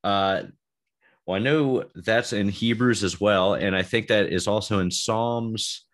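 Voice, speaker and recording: Very deep-voiced enthusiastic man. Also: unhurried. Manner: enthusiastic, hesitant, laughs easily. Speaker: podcast co-host. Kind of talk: casual Bible chat.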